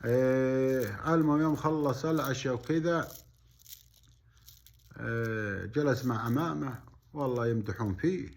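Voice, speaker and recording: A man with a Bedouin Gulf Arabic accent telling a story in colloquial, animated style, acting out dialogue with exclamatory asides and repeated phrases. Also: medium pitch, normal speed, pauses often.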